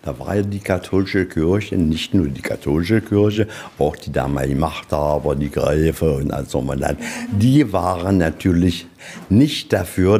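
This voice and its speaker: There's slight background noise as a museum guide with a very deep, mellow voice walks visitors through an informal tour, explaining casually and drifting off on tangents.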